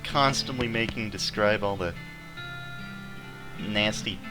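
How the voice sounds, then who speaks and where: A man's voice: fairly low pitch, slow, low-quality recording. A man giving casual gameplay commentary, reading game text aloud in an offhand way with playful asides. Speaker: video game streamer. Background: music with guitar.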